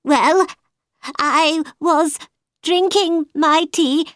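A woman's voice: sits high, steady tone, extremely slow, a bit bright, no echo, studio quality, pitched above the performer's own voice, exaggerated voice. Woman voicing a flustered Mad Hatter. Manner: flustered, pleading. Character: nervous, muddled male Mad Hatter, jittery.

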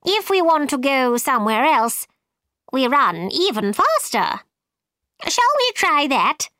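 Lady reading a brisk bossy queen, slow and bright, very dry sound. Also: high-pitched, sing-song, no echo, pitched above the performer's own voice, heavily acted. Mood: instructive. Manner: imperious, urging, instructive. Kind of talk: storybook reading.

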